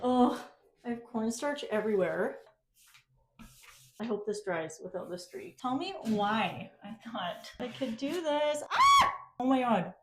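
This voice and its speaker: A young woman with a fairly high, expressive voice narrates unhurriedly while working on her DIY bathroom renovation, chatty, self-mocking and flustered. Her phone camera picks up background noise, faint clicks and the echo of the bathroom in this casual vlog.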